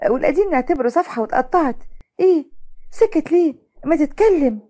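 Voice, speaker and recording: A woman's voice: high voice, lively intonation, racing, mellow, pitched above the performer's own voice. A woman voicing a bitter young female doctor who speaks coldly and sarcastically, with an Egyptian accent. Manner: cold, cutting, sarcastic.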